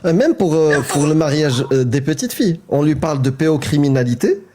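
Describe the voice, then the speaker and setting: A man co-hosting a casual live stream, friendly and halting, with many fillers. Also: a little high, expressive, noisy background.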